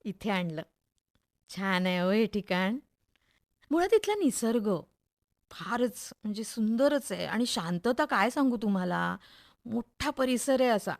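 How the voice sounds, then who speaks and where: A woman's voice: medium pitch, unhurried, gravelly. A woman playing a chatty, opinionated middle-aged mother in a radio play, confiding and gossipy, with a Maharashtrian accent. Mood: proud, pleased. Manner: gossipy, expressive, confiding, rhetorical questions.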